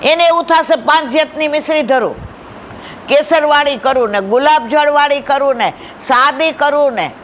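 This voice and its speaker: A woman's voice: high voice, moderate pace, slight background noise, poor audio. A woman leading a devotional satsang, telling stories in a conversational way and often calling her listeners "my dear". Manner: conversational, asks the audience questions. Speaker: satsang speaker. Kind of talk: devotional satsang talk with storytelling.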